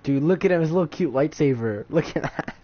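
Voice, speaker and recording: Excitable male gamer narrating his play, animated delivery, lo-fi mic, faint game music. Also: on the high side, a little fast, breathy edge. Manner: excitable, exclaiming, giggly. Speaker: gamer streaming gameplay. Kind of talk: casual gameplay commentary.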